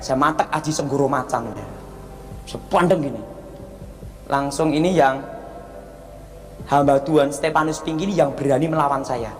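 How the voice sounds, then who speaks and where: A man, a pastor giving a sermon testimony and telling his story with acted-out dialogue and loud exclamations. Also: a little high, steady tone, normal speed, pauses often. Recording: long reverb of a large hall.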